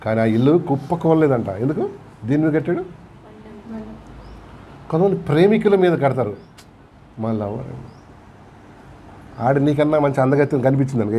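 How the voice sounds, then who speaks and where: A man with a Telugu accent preaches to his congregation, his voice a little high for a man. He talks conversationally, keeps asking the listeners questions, and acts out short quotes. A faint hum of the room sits behind him. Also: darkish tone. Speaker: pastor. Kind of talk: sermon. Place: church hall.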